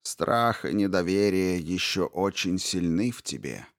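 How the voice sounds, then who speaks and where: A man voicing an old witch who was once a fairy queen, bitter and guarded, in a hushed, slow, menacing tone for an audiobook. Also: low-pitched, expressive, no room sound, studio quality. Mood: guarded, weary. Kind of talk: audiobook character reading.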